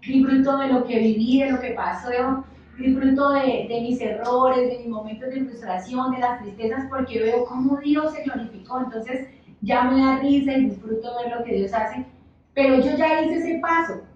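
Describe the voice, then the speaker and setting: A woman in her thirties, a church leader giving an impassioned, conversational sermon that swings between loud and soft. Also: high-pitched, slight background noise. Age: 30s. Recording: echoey, dull church hall sound with music, mic at a distance.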